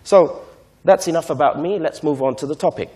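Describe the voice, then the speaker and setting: An invited speaker from Sri Lanka lectures a conference audience on technology transfer. His mellow, slightly high voice is measured and explanatory, and he often checks in with "right?".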